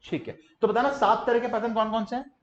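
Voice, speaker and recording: Male lecturer in a classroom, high pitched, leads lively call-and-response drills, muffled lo-fi recording. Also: quick pace, roomy sound. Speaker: teacher. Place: classroom with students.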